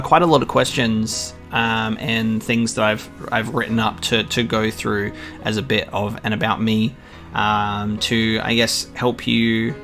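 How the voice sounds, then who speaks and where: Medium-pitched, creaky and fairly bright in tone, this Australian YouTuber in his 20s talks to the subscribers of his gaming channel in a casual, earnest, hesitant way, with guitar music in the background.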